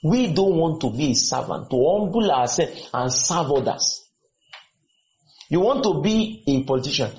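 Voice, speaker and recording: A man's voice: fairly high pitch, sing-song, normal speed, darkish tone. A man preaching a sermon to students, firing questions at them and repeating his points. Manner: questioning, exhorting, repeats lines. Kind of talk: sermon with call and response. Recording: echoey room, dull lo-fi sound.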